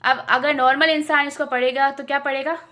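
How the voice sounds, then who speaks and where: A woman with an Indian accent teaching English pronunciation, repeating each word slowly several times. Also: high voice, steady tone, pushed and bright. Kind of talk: casual spoken lesson.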